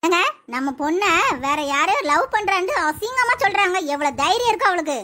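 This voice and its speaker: A woman's voice: extremely high pitch, lively intonation, a little fast, bright, forceful tone, voice pushed down, heavily acted. A woman voicing a fierce, protective middle-aged mother who scolds harshly in a family skit. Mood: angry.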